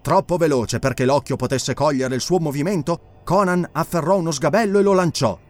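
A man reading an audiobook in a measured, expressive narration. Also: on the high side, faint music behind. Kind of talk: scripted dramatic narration.

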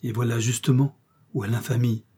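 A man's voice: mid-range voice, steady tone, brisk, warm tone, husky. A man voicing a cunning, seductive noblewoman in an audiobook, declaiming with theatrical passion. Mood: indignant. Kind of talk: audiobook character reading.

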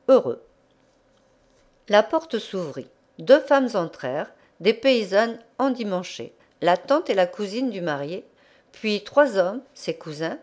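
A woman narrating a classic novel as an audiobook reader, with expressive storytelling. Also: mid-range voice.

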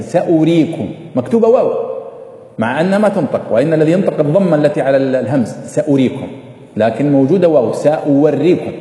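A man's voice: on the high side, warm tone. Man lecturing in an echoey hall. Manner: explanatory, asks students questions. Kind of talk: classroom lecture on Quran script. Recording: echoey hall with long reverb.

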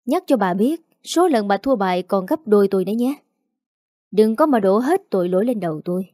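A woman's voice: mid-range voice, lively intonation, a little fast, mellow, no room sound, studio quality, natural voice. A woman voicing a stubborn middle-aged peasant father who bickers defensively. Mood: bickering.

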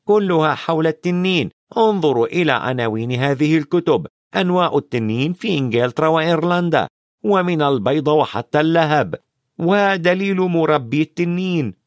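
A man's voice: on the high side, fairly quick, no room sound, clean studio sound, pitched above the performer's own voice, natural voice. Ron, a man doing an eager young wizard. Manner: eager and lively. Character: eager know-it-all boy wizard.

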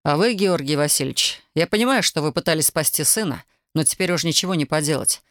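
A woman reading an audiobook, voicing a firm, protective young man who speaks calmly and with authority. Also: low-pitched, quick pace, no room sound, clean studio sound. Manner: calm, hard, commanding.

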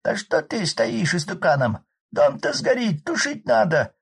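A hoarse, garrulous drunk from a village, his voice jumping high and loud as he fusses and rambles. He mutters pieties between excitable complaints, rough and husky throughout. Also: measured pace, exaggerated voice. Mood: agitated fussing. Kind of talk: audiobook character voice.

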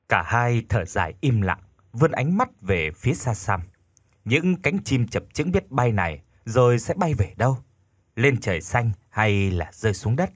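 A man narrating a scripted ghost story in a dramatic, expressive way. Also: medium pitch, slightly rough, no room sound, clean studio sound.

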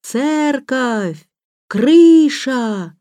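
A woman voicing an excited young boy who calls out loudly and pleads. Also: on the high side, a little slow, dry recording, voice pushed up. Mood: shouting. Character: excited shouting young boy trapped on a roof.

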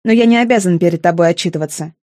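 Icy young man, weary and bitter, lowered voice, dry close sound as a woman reader puts him on. for a storybook. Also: very fast, dry recording, lightly acted. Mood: icy calm. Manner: icy, tired, quietly bitter.

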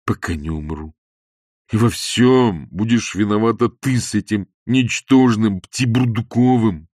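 A man voicing a pompous, self-pitying middle-aged husband who whines in a slow theatrical drawl. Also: lowish voice, darkish tone, no room sound, studio quality. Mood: plaintive.

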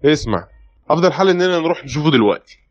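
A man's voice: on the high side, animated, racing, close to an everyday voice. An actor playing a blunt, sceptical male Egyptian police brigadier in a radio play, insistent and dismissive. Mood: pressing. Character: brusque, sceptical male police brigadier, pressing his case. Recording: dull lo-fi audio.

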